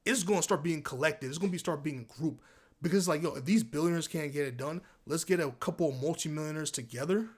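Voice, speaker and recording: Fired-up man ranting about basketball. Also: on the high side. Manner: heated, profane, repeats himself. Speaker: sports commentator.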